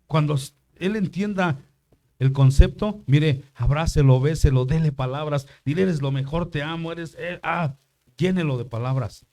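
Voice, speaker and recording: A man's voice: medium pitch, warm tone. An older man preaching a sermon in church, asking the congregation questions as he goes. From Mexico. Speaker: pastor.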